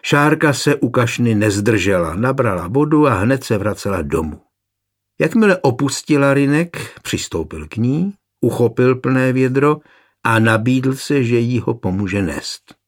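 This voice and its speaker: A man reading a historical novel aloud as an audiobook narrator, in a calm, even storytelling manner. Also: medium pitch.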